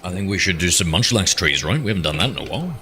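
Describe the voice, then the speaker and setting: Deep, bright-toned man streaming. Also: big pitch swings, racing, soft background music. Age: 30s. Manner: chatty, reads chat aloud and banters back. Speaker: game streamer. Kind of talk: casual live-stream chat.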